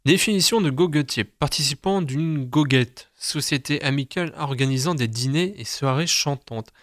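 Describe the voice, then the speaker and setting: This young host has a slightly high, somewhat bright voice at an ordinary pace, captured cleanly in a studio with no room echo. Reading out the day's almanac in a relaxed way, he chats, mocks himself, and often stumbles over words.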